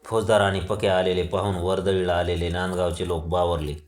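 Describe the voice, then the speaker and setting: A man reading a novel aloud as a storyteller, with steady, even narration. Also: sits low, brisk, reverberant. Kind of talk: audiobook reading of a Marathi novel.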